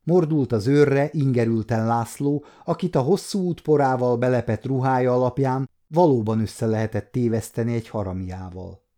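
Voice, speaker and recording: A man in his fifties from Hungary reads a historical novel aloud with a measured, even delivery. His voice is dark and mellow and sits at a middle pitch. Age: 50s. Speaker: audiobook narrator. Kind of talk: scripted narration.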